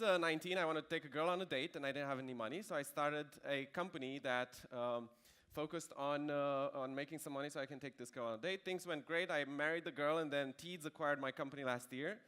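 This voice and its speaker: This conference speaker, a man in his thirties, has a Romanian accent and a clean, fairly bright voice on the high side. He keeps his keynote presentation brisk and chatty, sprinkling in dry humor and filler words.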